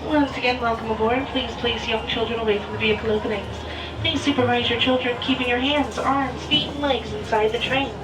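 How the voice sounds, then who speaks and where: A woman train conductor making live stop and safety announcements through an outdoor loudspeaker, in a plain, slightly halting way. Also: fairly even intonation. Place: aboard a moving outdoor train. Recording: echoey distant loudspeaker over loud train noise. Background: rumbling train and outdoor ambience.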